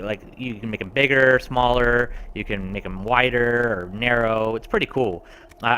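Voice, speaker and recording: Man, game reviewer, casual chatty commentary, lowish pitch, forceful bright tone. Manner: chatty and enthusiastic.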